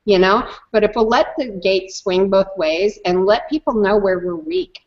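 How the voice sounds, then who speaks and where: A woman, a guest in an online hangout, telling a personal story in an emphatic, animated way and often repeating words. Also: mid-range voice, dull audio.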